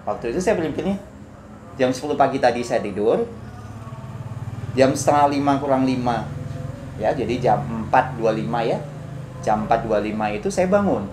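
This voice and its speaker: A man giving a personal testimony in conversation, telling it earnestly and acting out his own shouts. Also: medium pitch, lively intonation, moderate pace, long pauses. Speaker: guest sharing a testimony. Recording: echoey room with background noise.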